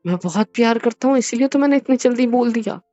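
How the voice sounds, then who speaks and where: A man's voice: very high-pitched, quick pace, warm tone, no echo, dull audio, soft background music. A man voicing a young husband in a romantic audio drama, soothing and apologizing with coaxing reassurance. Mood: tender. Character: young husband, gentle and apologetic after a prank.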